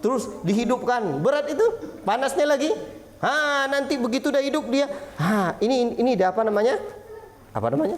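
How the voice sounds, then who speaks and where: A man's voice: very high voice, expressive, fairly quick. A man giving a religious lesson to parents in a small prayer hall, asking rhetorical questions and acting out little parent-child exchanges. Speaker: Islamic preacher.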